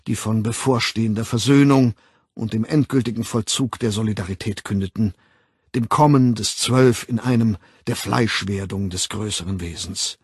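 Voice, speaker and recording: A man narrating an audiobook in a measured, dramatic reading, recorded on a close studio mic. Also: medium pitch, a little mellow, slightly rough, dry recording.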